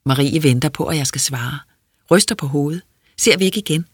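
An audiobook reader giving quiet, measured, introspective first-person narration. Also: mid-range voice, husky, no room sound, clean studio sound.

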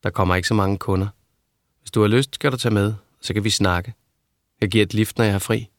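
A patient young man talks in a deep, measured, reassuring way, as a male reader voices him. He sounds steady and convincing throughout, with the low voice kept unhurried. The sound is close and dry. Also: no room sound, close to an everyday voice. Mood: calm. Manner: slow, soothing, measured. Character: calm, persuasive young man.

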